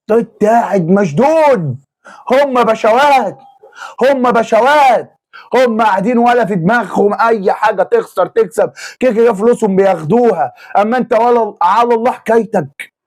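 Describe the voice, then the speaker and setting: An Egyptian man ranting as an angry football fan, exasperated and repeating his phrases over and over. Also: high voice. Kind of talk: angry fan reaction rant.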